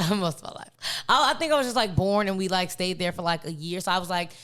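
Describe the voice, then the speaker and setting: A woman from Chicago co-hosting a podcast in casual chat, chatty with quick asides. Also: on the low side, fairly bright tone. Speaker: podcast co-host.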